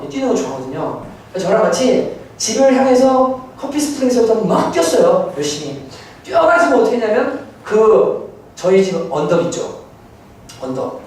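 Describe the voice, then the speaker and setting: A man's voice: high-pitched, a little mellow. A male pastor delivers a sermon, moving from casual storytelling to impassioned preaching. His intonation swings widely, and his voice rings through a very reverberant church hall. The mic is set far back, with a faint room hiss underneath. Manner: conversational storytelling rising to fervent preaching. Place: church sanctuary.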